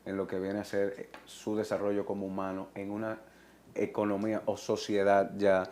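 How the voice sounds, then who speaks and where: Low-voiced man, measured. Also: monotone, a little mellow, slight background noise. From Dominican Republic. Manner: measured, deliberate explaining. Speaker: guest. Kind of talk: TV talk show interview.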